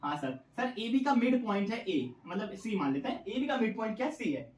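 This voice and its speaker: A man's voice: high-pitched, sing-song, brisk, recorded from a distance. A young man teaching a physics derivation in a playful, dramatic way and cracking jokes as he goes. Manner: jokey, dramatic, switches into student voices. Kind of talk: playful classroom explanation. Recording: echoey room, away from the mic. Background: a dog barking.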